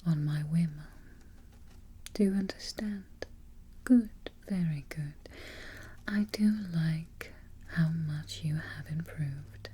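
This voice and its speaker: A woman playing an imperious, fussy, vain evil queen in a darkly comic ASMR roleplay, with a soft, breathy near-whisper, close to the microphone and haughty in her phrasing. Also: deep voice, heavily acted. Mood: composed, approving. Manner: deliberate, haughty, formal phrasing.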